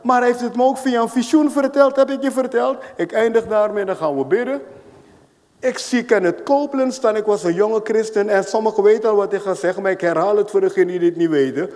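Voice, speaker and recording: A man preaching a sermon as pastor, telling stories with lively acted-out voices. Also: high voice, a little fast. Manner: animated storytelling, acting out voices. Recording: long hall reverb.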